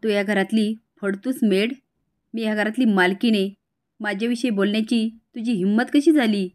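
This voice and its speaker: A woman's voice: medium pitch, moderate pace, close to an everyday voice. A woman voicing a haughty, scheming young woman who speaks scornfully to the household staff in a retold TV serial.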